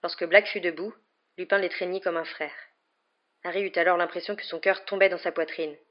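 A woman narrating an audiobook in a steady storytelling manner, on a slightly muffled recording. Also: fairly low pitch, brisk. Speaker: audiobook reader. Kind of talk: scripted narration.

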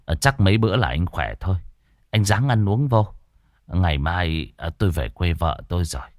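A man voicing a hearty, friendly middle-aged village man who chatters quickly and encouragingly in a storybook reading. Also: low voice, no echo, studio quality.

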